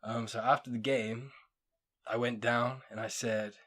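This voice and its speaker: Young male podcast host, rambling self-deprecating storyteller, average pitch. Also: level tone, unhurried, fairly bright tone. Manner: rambling, self-deprecating, with frequent fillers and restarts. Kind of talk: casual storytelling monologue.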